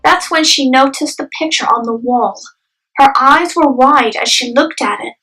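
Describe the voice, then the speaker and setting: A young adult woman reads scripted dramatic narration for a story in a high, husky voice at normal speed. She is off the microphone in a distant, echoey home recording, with soft music in the background.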